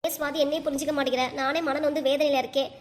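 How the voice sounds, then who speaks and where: A woman's voice: high voice, level tone, rapid-fire, close to an everyday voice. A woman voicing a weary, sorrowful mother. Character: weary worried middle-aged mother.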